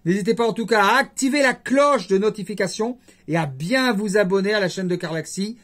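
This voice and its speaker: High-pitched man, rambling jokey vlogger. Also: a little fast, a bit bright. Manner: rambling, jokey, conversational asides. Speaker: YouTuber host. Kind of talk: casual vlog chat to camera.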